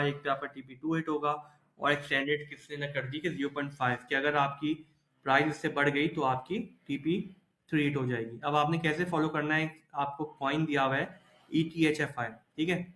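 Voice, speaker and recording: A man's voice: fairly high pitch, sharp tone. A man teaching crypto trading step by step in a screen-recorded tutorial, explaining patiently and often checking in with "theek hai". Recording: roomy echo.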